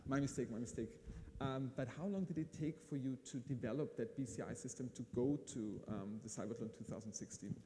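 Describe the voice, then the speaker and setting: A mellow Austrian man hosts a live on-stage interview in a large hall at an event in Austria, keeping things informal and conversational. He speaks at medium pitch, a little fast, and the recording picks up hall reverb and audible room noise.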